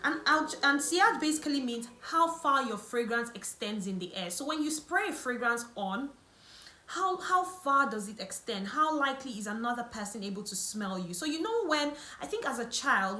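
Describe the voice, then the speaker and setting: A woman with a fairly high, bright, forceful voice vlogs about beauty and lifestyle, speaking English as a second language. She chats to the camera and corrects herself as she goes, in an echoey room with faint music playing.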